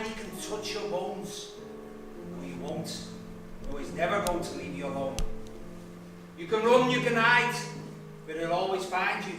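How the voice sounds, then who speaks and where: Menacing narrator, high lively voice, loud music, echoey far stage. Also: male voice. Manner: menacing, building to shouts over music.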